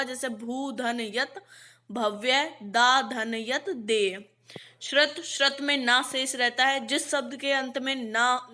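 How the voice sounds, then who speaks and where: A woman's voice: sits high, sharp tone. A woman teaching an exam-prep grammar lesson, stating each rule and then stretching out worked examples methodically.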